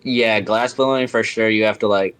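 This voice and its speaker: Low-voiced man in casual chat. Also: steady tone, moderate pace, a bit bright, smooth. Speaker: podcast guest, glass artist. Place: remote call on speakerphone.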